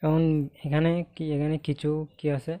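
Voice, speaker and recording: A man's voice: on the high side, flat delivery, normal speed, mellow. A man with a Bangladeshi accent teaching English grammar in an online lesson. He asks the class questions, answers them himself, and keeps checking with "okay?". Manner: ends points with a checking "okay?".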